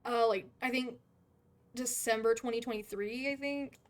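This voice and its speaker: A woman chatting casually on a gaming livestream, excitable and giggly, given to exclaiming. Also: a little high, moderate pace. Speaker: game livestream host. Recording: clear background noise.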